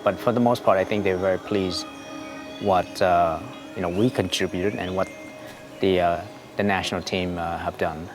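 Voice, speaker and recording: Man, very deep voice, coach, hesitant, lots of fillers, music underneath. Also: fairly even intonation, moderate pace. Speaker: volleyball coach and board member. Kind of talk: documentary interview. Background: background music.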